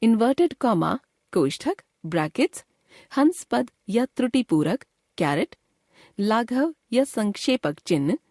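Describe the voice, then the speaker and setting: Woman, teacher, scripted grammar lesson, measured delivery, dry sound. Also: on the high side, sing-song, a little mellow, no room sound. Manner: clear, measured classroom explanation.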